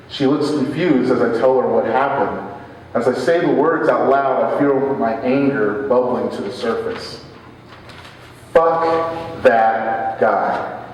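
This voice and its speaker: A man's voice: mid-range voice, darkish tone. A man reading a first-person story aloud at a live event, expressively acting out the quoted lines. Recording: echoey hall, distant mic, faint hum.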